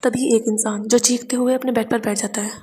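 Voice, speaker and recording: A woman's voice: a little high, little pitch movement, brisk, dark tone, in a large hall. A woman casually retelling a fan fiction story, talking in a conversational way with many small restarts. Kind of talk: casual story recap narration.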